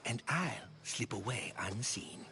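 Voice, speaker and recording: A man's voice: lowish voice, animated, slow pace, pushed and bright, faint music behind, full character voice. An actor playing a vain, pompous male dramatist in a video game. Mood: scheming. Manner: pompous, self-admiring, grand. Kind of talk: video game character dialogue.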